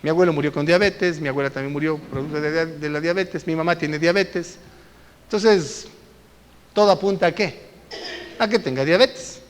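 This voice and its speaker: A man's voice: on the high side, normal speed. A male pastor preaching a sermon, telling stories and drawing the congregation in. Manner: lively storytelling with congregation interaction. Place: church. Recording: echoey church hall.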